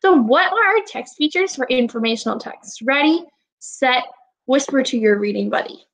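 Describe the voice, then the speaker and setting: A woman in her twenties speaks with a high, bright voice and lively intonation at a normal speed. She's an elementary teacher reading aloud to young children over a webcam, encouraging and instructing them from a small room at home. The video-call audio, picked up by a webcam or laptop mic, sounds rough.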